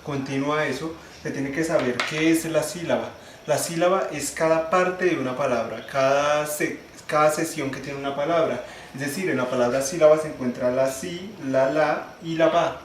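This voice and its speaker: A young man giving a class presentation, explaining step by step, restarting phrases and slowing down to spell out syllables. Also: a little high. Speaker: student presenter. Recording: echoey room, faint ambient noise.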